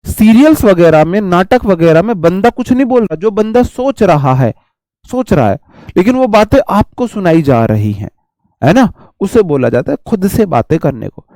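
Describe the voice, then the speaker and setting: A man's voice: high-pitched, darkish tone, no echo. A man teaching vocabulary in an online exam-prep class, chatty and repetitive, explaining words with homely examples and calling viewers his brother.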